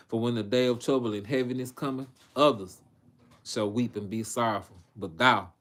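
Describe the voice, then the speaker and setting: A man reading scripture on a livestream, with casual, profane asides and halting, filler-laden commentary. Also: medium pitch, a bit bright. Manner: halting, frequent fillers and restarts. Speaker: preacher on a livestream.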